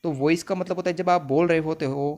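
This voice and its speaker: Guy teaching exam answers, slightly high voice, slow on the english bits. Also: fairly even intonation, darkish tone. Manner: reads English phrases slowly, then explains in Hindi. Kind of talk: exam paper lesson explaining answers.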